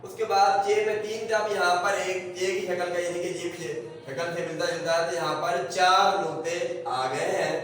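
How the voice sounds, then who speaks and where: A man's voice: high-pitched, steady tone, fairly bright tone. Man teaching in a very echoey room. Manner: slow, explanatory, repeats each point. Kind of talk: classroom lecture on the alphabet. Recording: very echoey, voice from a distance with faint room noise.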